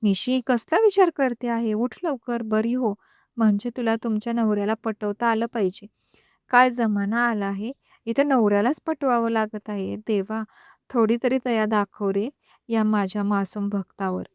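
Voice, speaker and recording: Lady doing cheeky young wife, teasing and chatty, kinda high voice, dry close mic. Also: normal speed, smooth, dry recording, close to an everyday voice. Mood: playful.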